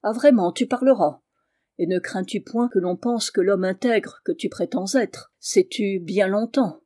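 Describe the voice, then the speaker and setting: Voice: medium pitch, a little slow, warm tone, natural voice. A reader voicing a sarcastic, scornful young man in an audiobook reading. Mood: sneering. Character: sneering ambitious young male doctor.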